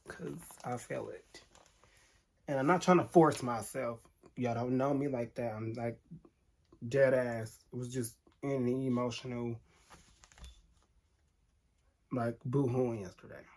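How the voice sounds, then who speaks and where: A man's voice: mid-range voice, moderate pace, a little mellow. A man vlogger telling an emotional storytime to camera, candid and earnest, talking straight to his viewers.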